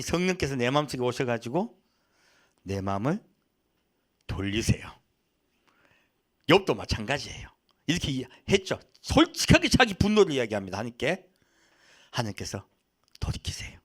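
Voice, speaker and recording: A male pastor preaching a sermon, asking the congregation questions and switching between emphatic lines and hushed, whispered asides. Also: medium pitch. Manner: asks the congregation questions and answers them.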